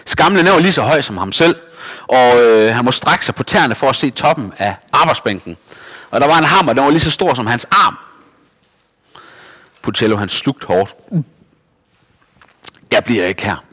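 A man reading a children's story aloud in a lively, expressive way. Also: medium pitch, in a large hall.

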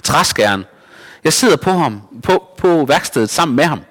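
A man's voice: fairly high pitch, lively intonation, fairly bright tone, long reverb tail, voice pushed up. Man doing a breezy carefree wooden girl.

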